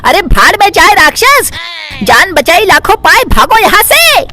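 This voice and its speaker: A woman voicing a shrill, scolding female witch in a cartoon. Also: big pitch swings, a little slow, bright, forceful tone, soft background music, heavily acted. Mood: frightened.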